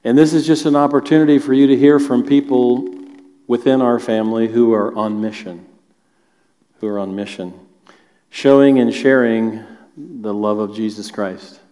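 A man's voice: medium pitch, fairly even intonation, normal speed, mellow. Man hosting in a reverberant hall. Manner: friendly, joking, asks the guests questions. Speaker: host and church elder. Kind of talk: church stage interview. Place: church auditorium.

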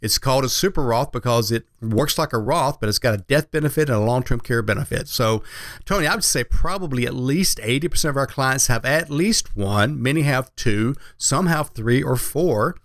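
A man's voice: mid-range voice, animated, moderate pace, fairly bright tone, dry recording, studio quality. A man working as a financial advisor explains things conversationally on a radio show, in a folksy way that checks in with the listener.

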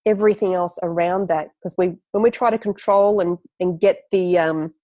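A woman co-hosting a podcast in a casual chat, encouraging and reflective, slowing down to stress key words. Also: fairly low pitch, fairly even intonation, dark tone, no room sound, dull audio. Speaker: podcast co-host.

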